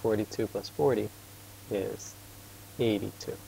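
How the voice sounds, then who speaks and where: This math tutor speaks in a low, gravelly voice with a warm tone during an informal lesson. Casual and patient, he quizzes his student as he works and confesses he talks fast, on a rough recording with a little hiss or hum.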